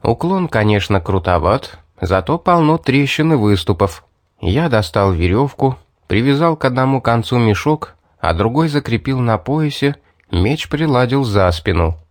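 A man narrating a first-person fantasy audiobook in a measured, even way. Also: mid-range voice, dry recording, studio quality.

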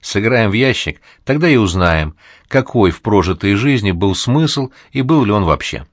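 A man's voice: lowish voice, expressive, moderate pace, no room sound, studio quality. A man voicing a gloomy middle-aged man who talks tersely and wryly. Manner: terse, wry, sighing.

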